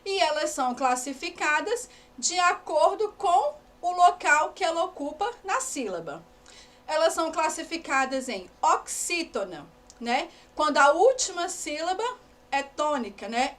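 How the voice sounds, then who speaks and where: A woman's voice: sits high, animated, a little slow, fairly bright tone. A woman teacher giving a lesson, patiently checking in with her students and stretching out example words. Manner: asks the class questions. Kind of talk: recorded class lesson.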